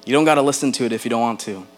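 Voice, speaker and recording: A man preaching a sermon as pastor, earnest, slowing down to stress key words and putting questions straight to the congregation. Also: medium pitch. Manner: addresses the congregation directly with questions.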